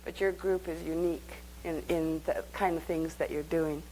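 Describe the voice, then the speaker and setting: Woman workshop teacher, lowish voice, conversational, faint hum behind. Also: fairly even intonation, normal speed, mellow, poor audio. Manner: conversational, guiding the group through exercises. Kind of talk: live workshop lecture.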